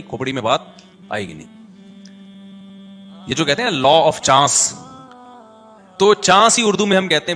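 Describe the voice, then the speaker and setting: A man with a Karachi Urdu accent giving a religious lecture, moving between chanted recitation and chatty, animated asides. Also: a little high. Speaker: preacher.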